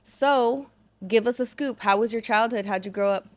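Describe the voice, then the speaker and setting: A woman's voice: a little high, normal speed. A woman hosting a podcast, asking friendly, encouraging questions in a casual chat. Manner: warm, chatty, encouraging questions. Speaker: podcast host. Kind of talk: casual interview. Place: gallery space.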